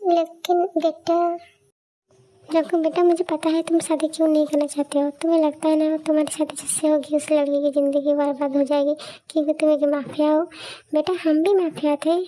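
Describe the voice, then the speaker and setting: A woman voicing a gentle, coaxing older uncle who was once a mafia man. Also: high-pitched, flat delivery, moderate pace, lightly acted.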